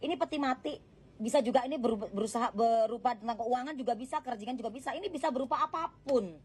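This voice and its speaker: A woman's voice: on the high side, quick pace, breathy edge. Chatty woman reading tarot cards. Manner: gentle, chatty, addresses the viewer directly, laughs often. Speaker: tarot card reader. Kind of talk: casual tarot reading monologue.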